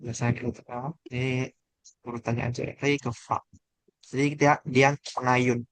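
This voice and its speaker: A man's voice: medium pitch, flat delivery, normal speed, dry recording. A man teaching a class the tones of Mandarin pinyin, explaining patiently and asking the students questions.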